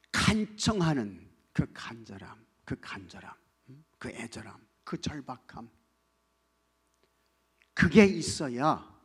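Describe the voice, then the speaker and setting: A male pastor preaching a sermon. He swings between loud, emphatic lines and soft near-whispers, and keeps asking the congregation questions. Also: medium pitch, slightly rough.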